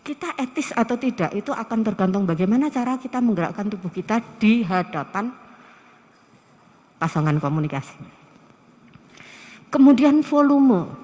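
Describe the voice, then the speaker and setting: Lively Javanese-accented woman lecturing in a hall. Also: fairly high pitch, normal speed, pauses often. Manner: lively, asks the audience rhetorical questions. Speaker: university lecturer. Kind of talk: classroom lecture. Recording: long hall reverb.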